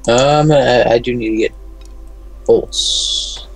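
A man's voice: mid-range voice, steady tone, takes it slowly, soft background music, rough recording. A young man chatting casually as a co-op gaming partner, laid-back and swearing freely.

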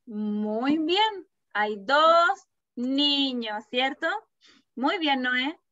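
Kindergarten teacher lady, high voice, slow and encouraging, muffled video call sound. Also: expressive, sharp tone, no room sound. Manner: slow, patient, encouraging questioning. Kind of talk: online class with young children.

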